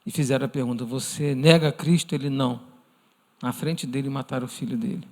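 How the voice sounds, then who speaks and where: A man's voice: medium pitch, level tone, fast talker. A man with a Brazilian Portuguese accent teaching a church lesson, earnestly addressing the congregation as brothers and acting out imagined prayers. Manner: acts out imagined prayers in a softened voice. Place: church hall. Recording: long reverb of a church hall.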